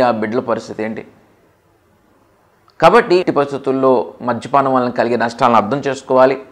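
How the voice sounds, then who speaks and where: An earnest man in the role of a doctor tells a patient's story at an even, middling pitch. He circles back over his warnings, repeating key points to press them home. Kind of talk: earnest first-person account.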